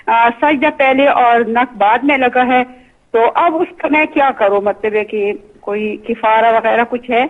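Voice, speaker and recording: A man calling into a radio show over a phone line, asking his question hesitantly with many fillers and restarts. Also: extremely high pitch. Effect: phone caller heard over the radio line. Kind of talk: call-in question.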